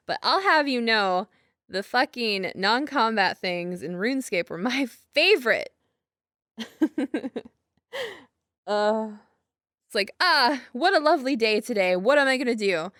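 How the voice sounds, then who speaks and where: Playing a girlfriend in an intimate monologue, this young roleplay performer rambles with giggles, hesitation and self-deprecation. Her voice is fairly high and bright, recorded at studio quality with no room sound.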